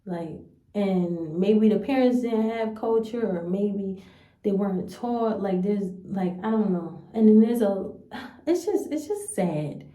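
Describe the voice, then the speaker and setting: A young woman from the United States speaks slowly and earnestly, thinking aloud in a casual vlog. Her voice is mellow and warm, and the room around her gives it a noticeable echo. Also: medium pitch, fairly even intonation. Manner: earnest, rambling and hesitant. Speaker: vlogger. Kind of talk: casual reflective commentary to camera. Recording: roomy echo.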